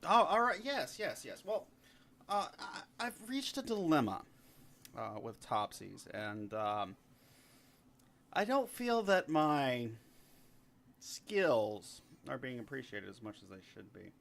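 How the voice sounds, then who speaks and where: A man voicing an eager young bard who stammers and repeats himself while pitching his talents. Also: big pitch swings, takes it slowly, creaky, a bit bright, heavily acted. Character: eager young male bard, fast-talking self-promoter.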